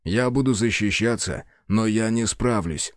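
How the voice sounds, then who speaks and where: Guy voicing a lovesick orc, deep-ish and urgent, soft and slow, dry mic. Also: no room sound, lightly acted. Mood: urgent tender. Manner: low, urgent and tender. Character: devoted male orc protecting his beloved.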